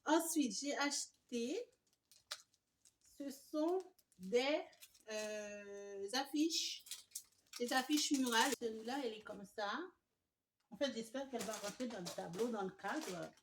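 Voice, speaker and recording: A woman, gushing excitedly through a casual home decor haul with many fillers. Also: fairly high pitch, slow, pauses often, a little hiss or hum. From Canada. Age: 20s. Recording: echoey room, mic at a distance.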